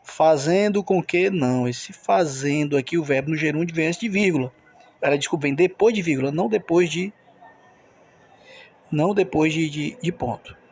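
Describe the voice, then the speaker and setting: A man's voice: fairly high pitch, moderate pace, a little mellow, a little hiss or hum. A man teaching a recorded grammar lesson, explaining step by step and checking in with the listener.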